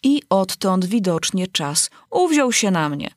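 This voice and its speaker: A woman's voice: mid-range voice, very animated, measured pace, dry recording, studio quality. A woman voicing a whimsical, rambling male hatter at a tea party in a storybook reading. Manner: rambling, sing-song.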